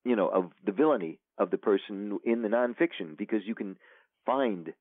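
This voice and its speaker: Over a tinny, dry phone line with no echo, a male author guest chats casually in an interview. His voice sits on the low side at a moderate pace, and he rambles, full of fillers and false starts.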